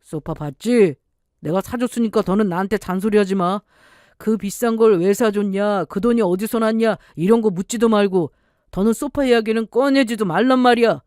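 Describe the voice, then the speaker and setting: A woman's voice: medium pitch, moderate pace, darkish tone, no room sound, clean studio sound, close to an everyday voice. A woman voicing an irritable, dismissive husband in a scripted narrated story, speaking in a curt, snappish way.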